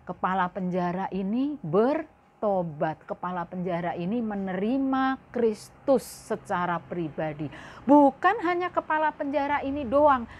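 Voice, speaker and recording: A woman teaching Sunday school, telling a Bible story to children and keeping them involved with questions. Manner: keeps asking questions and addressing the children directly; lively and expressive, swinging her pitch up and down.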